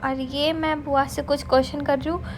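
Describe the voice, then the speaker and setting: High-voiced woman narrating a family vlog. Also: level tone, moderate pace, a little hiss or hum. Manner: warm, affectionate storytelling about family. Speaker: family vlogger. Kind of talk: chatty voice-over narration.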